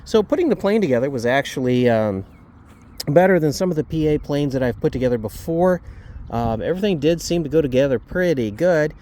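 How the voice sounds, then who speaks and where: A man with a sore, slightly swollen jaw, talking a little oddly and haltingly as he hosts a casual hands-on hobby review. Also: on the high side, expressive, warm tone. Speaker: RC hobby channel host reviewing a model plane.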